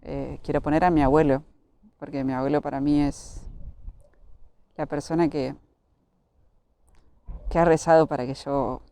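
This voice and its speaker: Young Argentine priest, mellow voice. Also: male voice, fairly high pitch, level tone, measured pace, long pauses, clear, resonant tone. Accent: Argentine Spanish. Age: young adult. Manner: storytelling, acting out remembered dialogue. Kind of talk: personal testimony in an interview.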